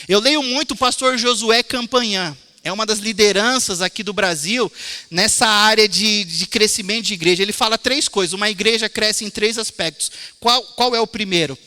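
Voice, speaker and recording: High-voiced bright Brazilian pastor preaching. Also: male voice, moderate pace. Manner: animated storytelling, addresses congregation as brothers. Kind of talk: sermon. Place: church sanctuary. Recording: long hall reverb.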